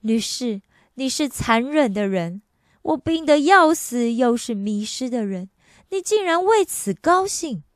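A woman's voice: a little high, big pitch swings, a little slow, dry recording, clean studio sound, pitched above the performer's own voice. A woman voicing a dying man pleading for mercy. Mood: anguished. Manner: anxious, pleading. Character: gravely ill man pleading to be saved.

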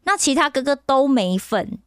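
A woman telling a Bible story for young listeners on the radio, animated and constantly asking her audience questions. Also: high-pitched, moderate pace, no room sound, clean studio sound. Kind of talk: lively Bible storytelling for youth.

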